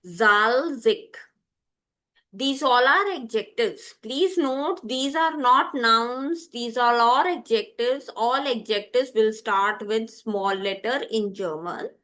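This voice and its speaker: A woman teaching vocabulary, repeating each word slowly and clearly for learners. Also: on the high side, a bit bright. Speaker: language teacher. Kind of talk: slow, deliberate vocabulary lesson.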